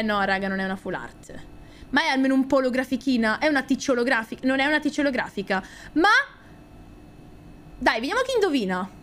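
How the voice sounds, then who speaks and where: A young adult woman with an Italian accent, chatting casually on a stream, excitable, swearing often and shrieking when she gets excited. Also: on the high side, a little hiss or hum. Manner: excitable, squeals and shouts at pulls, swears often. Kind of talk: casual card-opening stream chat.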